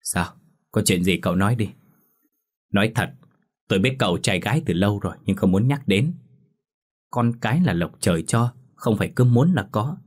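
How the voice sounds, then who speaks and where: A stern older village woman scolding in a matter-of-fact way, voiced by a man. The voice is low and husky. It is told as an audiobook ghost story. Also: expressive, normal speed, long pauses.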